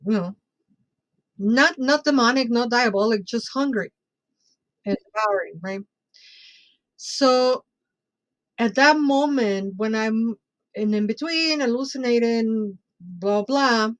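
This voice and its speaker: A woman telling a personal story as a podcast guest in an expressive, conversational way, often checking in with the listener. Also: mid-range voice, rough recording.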